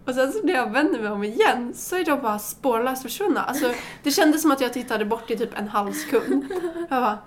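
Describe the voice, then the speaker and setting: A young woman in casual chat, telling a story in a relaxed way. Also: on the high side, few pauses, slight background noise.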